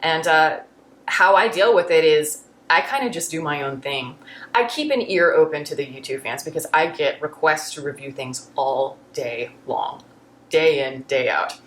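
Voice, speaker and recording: Low-voiced woman answering viewer questions. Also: normal speed, echoey room, a little hiss or hum. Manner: candid, reflective, with frequent restarts. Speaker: YouTube film reviewer.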